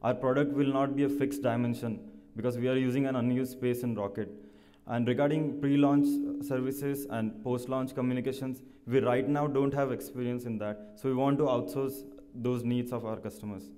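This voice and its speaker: A man presenting a startup, answering questions at a pitch competition in halting, explanatory, slightly non-standard English. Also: steady tone, warm tone, a little hiss or hum. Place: large conference hall. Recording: echoey hall, long reverb.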